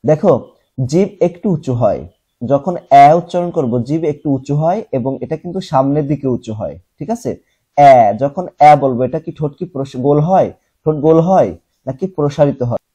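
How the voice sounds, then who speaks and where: A young man teaching a class, who explains step by step, asks questions and answers them himself, and repeats sounds slowly to show how they are said. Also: on the high side, lively intonation, dark tone, breathy edge. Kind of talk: classroom lesson.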